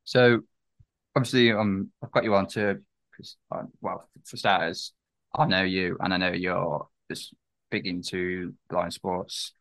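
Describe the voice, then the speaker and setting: Very deep-voiced young podcast host. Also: male voice, flat delivery, a little slow, fairly bright tone, no echo. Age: young adult. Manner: hesitant, rambling questions with restarts. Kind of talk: casual interview questions.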